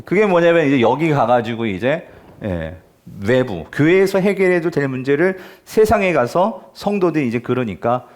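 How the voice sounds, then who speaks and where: Lively conversational male pastor preaching. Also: on the high side, moderate pace. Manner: conversational preaching with frequent rhetorical questions to the congregation. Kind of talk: sermon. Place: church.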